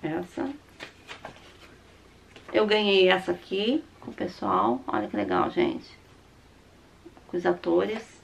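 A Brazilian woman in her fifties with a slightly hoarse, sore-throat voice, chatting casually to the camera as a vlogger showing her purchases. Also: mid-range voice, takes it slowly, long pauses, dull audio. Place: small room at home, indoors.

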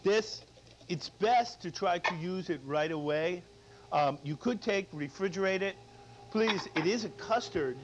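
Speaking a little slowly in a high voice, this middle-aged chef runs an unscripted demo in a studio kitchen and keeps tossing in "all right?" to check on his audience. The lapel-mic recording sounds dull and lo-fi, with noise in the background.

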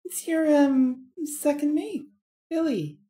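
A woman's voice: sits high, expressive, takes it slowly, mellow, pitched above the performer's own voice. A woman voicing a sly chameleon from a video game, bluffing with feigned innocence as a pirate's mate. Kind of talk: reading video game dialogue in character.

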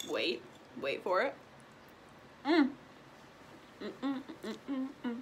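Speaking slowly in a slightly high, sing-song voice, this Illinois woman of twenty eats and chats through a casual mukbang Q&A for her vlog viewers. She fills her answers with "like" and "um," recorded indoors in a small home room with a little background noise.

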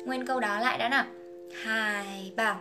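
A woman's voice: fairly high pitch, steady tone, normal speed, over loud music. A young woman whose first language is Vietnamese, teaching an English song, explaining phrases and pronunciation and singing lines in a casual, chatty way.

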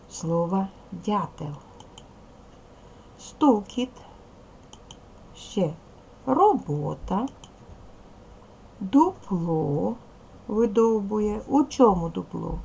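A woman's voice: lowish voice, vocal fry, a little mellow, slight background noise, low-quality recording. A woman primary school teacher giving a recorded video lesson to young pupils, patiently explaining, asking questions and praising answers.

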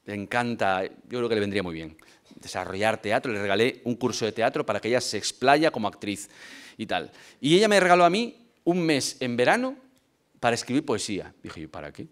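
Man, conference talk, animated storyteller, medium pitch, frequent questioning tags. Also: fairly quick. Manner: animated storyteller, asks "¿no?" often. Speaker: conference speaker. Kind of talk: lively talk with anecdotes.

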